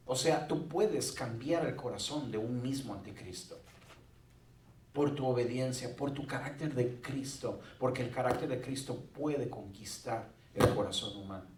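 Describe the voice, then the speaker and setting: A man's voice: mid-range voice, normal speed, darkish tone, a little hiss or hum. A male pastor preaching a sermon in a conversational way with joking asides. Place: church sanctuary. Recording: roomy church sound from a distant mic.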